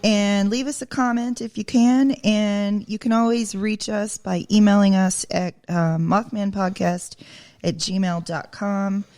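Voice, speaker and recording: A woman's voice: mid-range voice, steady tone, a little slow, darkish tone, no room sound. A woman co-hosting a podcast, chatting in a friendly way with many fillers. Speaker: podcast co-host. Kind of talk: casual podcast chat.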